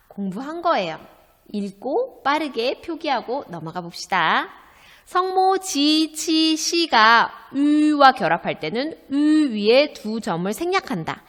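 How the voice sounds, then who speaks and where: A woman with a fairly high, lively voice teaches a recorded Chinese lesson. She speaks slowly and carefully, asking questions and then answering them herself. A long reverb trails her words. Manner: slow, careful drilling of pinyin sounds.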